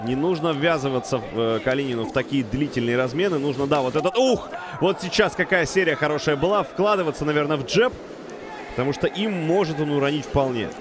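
A man giving excited live commentary on a fight as a commentator. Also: a little high, quick pace. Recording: loud crowd behind commentary.

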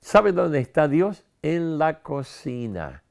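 A man's voice: on the high side, very animated, slow, gravelly. An older man, a pastor, preaching to camera from a studio set with a lapel mic, emphatic and gesturing with his hands. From Argentina. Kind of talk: promotional sermon to camera. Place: studio set with city backdrop.

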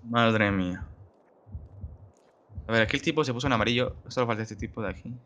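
A man's voice: mid-range voice, fairly quick, a bit bright. A man giving let's play commentary, exclaiming often and talking straight to his viewers. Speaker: gamer host.

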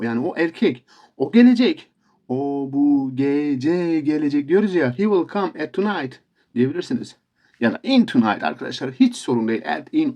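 A man teaching a casual video lesson with a lively voice that swings widely up and down. His pitch sits a little high for a man. He talks to his viewers as friends and slows right down to repeat example phrases. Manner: animated, keeps addressing viewers as friends. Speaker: English teacher.

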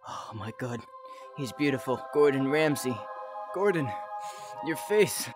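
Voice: medium pitch, animated, unhurried, over loud music. A player laughing and exclaiming while playing a VR game with friends. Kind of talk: casual gaming chat among friends.

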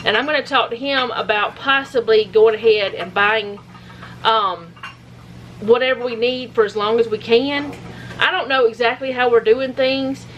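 A middle-aged woman cooks supper in her home kitchen, rambling casually in a cook-along chat and tossing in self-deprecating asides. Her voice is on the high side, steady and at normal speed. Food sizzles loudly in the background, and the dull audio carries a little hiss or hum.

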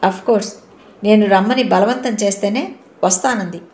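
A woman's voice: medium pitch, normal speed, darkish tone, natural voice. Woman doing chatty young man, playful dancer, slips into English, roomy sound. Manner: chatty, mixes English phrases. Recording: roomy echo.

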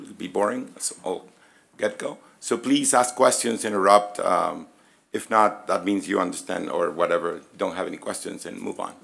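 Hoarse middle-aged man lecturing. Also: lowish voice, fairly bright tone. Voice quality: hoarse, raspy voice. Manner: halting, conversational, inviting questions. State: losing his voice, throat-clearing. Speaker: physics professor, presenter. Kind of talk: informal lecture presentation. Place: conference room, at a lectern. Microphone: gooseneck lectern microphone.

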